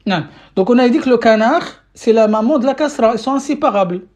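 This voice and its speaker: A woman's voice: a little high, expressive, fairly quick, a little mellow. A woman giving a live-streamed Arabic lesson in French, patiently repeating questions to her viewers, with many fillers and restarts. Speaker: Arabic teacher. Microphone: phone or webcam mic.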